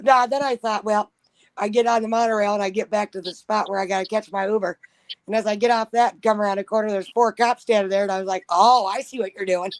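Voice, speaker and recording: A woman spins a long, foul-mouthed story in casual chat. She laughs as she goes and slips into the voices of the people she quotes. The sound is dry and close, with her pitch in the middle. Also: fairly even intonation, fast, dry recording.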